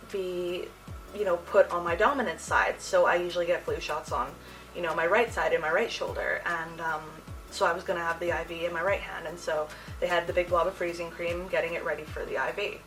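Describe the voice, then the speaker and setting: A young adult woman hosting a casual storytime vlog, talking in an animated, slangy way. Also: fairly low pitch, far from the mic, low-quality recording. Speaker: video host. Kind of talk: casual personal storytime to camera.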